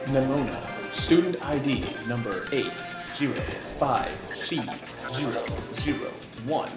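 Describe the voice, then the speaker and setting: A calm, steady computer voice reading out identification checks in an even, measured tone, as a man puts it on while playing a game. It sits a bit lower than his usual talk, heard in a roomy, echoing space with game music clearly playing underneath. The delivery stays level and unhurried. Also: close to an everyday voice. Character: calm, flat male computer voice.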